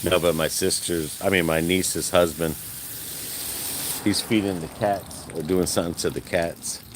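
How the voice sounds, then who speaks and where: Man with a drawl, low voice, chatty and folksy live-stream vlogger talking outdoors, faint background hiss. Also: fairly even intonation, a little slow. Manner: rambling, chatty, laughs often, folksy. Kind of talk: casual live-stream chat while gardening. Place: outdoors in a garden.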